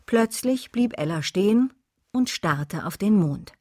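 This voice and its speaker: A woman narrating a children's audiobook calmly and evenly. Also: medium pitch, measured pace, dry recording, studio quality.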